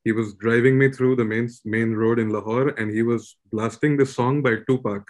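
A man in his thirties from Pakistan, a rapper calmly telling his story on a podcast, English not his first language. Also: mid-range voice, normal speed. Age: 30s. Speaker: rapper guest. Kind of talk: casual podcast chat.

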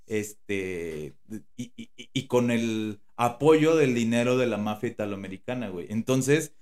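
A man with a Mexican Spanish accent chatting casually as a podcast co-host. He rambles and restarts often and fills his talk with slang. His voice sits at a middle pitch. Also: animated, measured pace, a little mellow. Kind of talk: casual chat.

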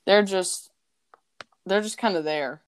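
A woman's voice: mid-range voice, slow, dry recording. A young woman co-hosting a podcast, chatting casually about a book in a rambling way with lots of fillers. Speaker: podcast co-host.

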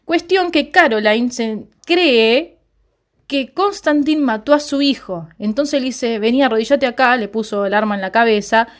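A young woman with a Rioplatense Argentine accent chats casually while she recaps a TV series. She tells the story vividly and acts out the characters' lines. Her voice sits somewhat high. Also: a little slow. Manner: animated storyteller, jumps high to act out quoted lines. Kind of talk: casual chat.

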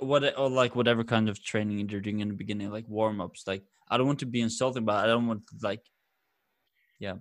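A man hosting a podcast interview, talking haltingly, searching for words and filling pauses with many fillers. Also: mid-range voice, dry recording. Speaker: podcast host.

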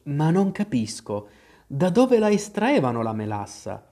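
A man's voice: on the high side, big pitch swings, normal speed, darkish tone. A man voicing a curious, polite young girl in a storybook reading, asking earnest questions.

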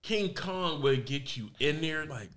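A man's voice: fairly high pitch, measured pace, background noise. A man co-hosting a casual movie podcast, joking and acting out how audiences would react. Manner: jokey, animated retellings of audience reactions. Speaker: podcast co-host.

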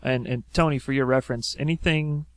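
A podcast host from South Louisiana chats casually, rambling through stories with plenty of fillers. His medium-pitched voice keeps fairly even intonation at a quick clip, and the recording has no room sound.

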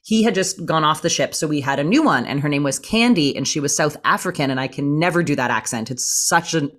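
A woman casually telling a funny story in a chat, animated and acting out quoted lines. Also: fairly quick. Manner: animated, acts out quotes in a high voice.

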